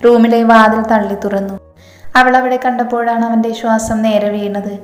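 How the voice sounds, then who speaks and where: A woman storyteller reading a romance story in a steady, even voice, in a roomy echo with long reverb. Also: mid-range voice. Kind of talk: scripted narration of a romance story.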